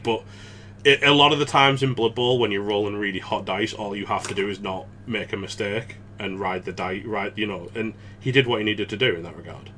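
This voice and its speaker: Bright-voiced chatty podcast man. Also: on the low side, steady tone, slight background noise. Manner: chatty and rambling, quick to laugh. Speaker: podcast co-host. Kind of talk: casual gaming podcast chat.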